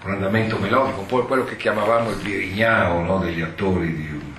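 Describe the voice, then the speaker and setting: Male lecturer, lowish voice, explanatory and digressive; distant mic in a roomy hall. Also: fast talker, fairly bright tone, a little hiss or hum. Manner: digressive, explanatory, with many asides. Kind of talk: lecture, reading and explaining a text.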